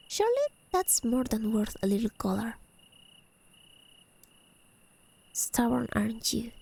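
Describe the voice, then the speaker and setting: Playing a haughty fae lady of the high realms, a woman speaks in a high, mellow, creaky-edged voice pitched in an exaggerated style. She is teasing, possessive and insistent, with elegant, formal phrasing. It is soft-spoken ASMR roleplay backed by chirping crickets.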